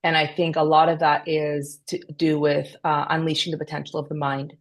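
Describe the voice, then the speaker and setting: A woman's voice: deep voice, level tone, a little fast. A woman who grew up in Canada after being born in Peru, a company founder speaking thoughtfully as a podcast guest. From Peru, raised in Canada. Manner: thoughtful, earnest. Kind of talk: conversational interview.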